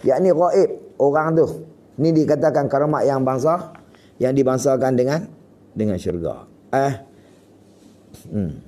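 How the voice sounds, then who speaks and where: A man giving a kitab study lecture as a religious teacher, telling stories with loud and quiet asides. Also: mid-range voice, lively intonation, unhurried, long pauses. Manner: storytelling, swinging between loud and quiet asides. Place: mosque lecture hall.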